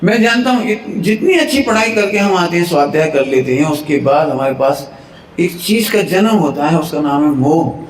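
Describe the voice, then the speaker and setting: A man preaches a devotional sermon in a temple hall, his fairly high voice carrying through a roomy, echoing space over a faint hum of ambience. He talks in an animated, storytelling way, acting out family squabbles and chuckling often. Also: moderate pace. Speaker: Jain preacher.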